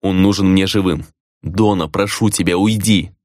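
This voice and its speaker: A man voicing a calm necromancer master who speaks softly and soothingly. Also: low voice, no echo, studio quality, natural voice. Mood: commanding. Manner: soft, soothing, measured.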